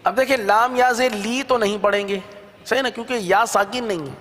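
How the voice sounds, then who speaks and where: A man teaching Quran reading, spelling out syllables in slow drawn-out chants between quick explanations, with an Urdu accent. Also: sits high, in a large hall, background noise. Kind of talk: slow spelled-out recitation lesson.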